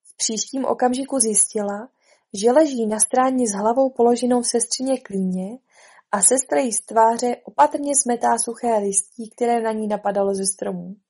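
A woman narrating a storybook in a calm, expressive way. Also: on the high side, husky.

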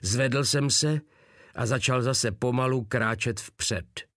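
A man narrating a war novel as a first-person audiobook, in an even, measured reading. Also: medium pitch, dry recording, studio quality.

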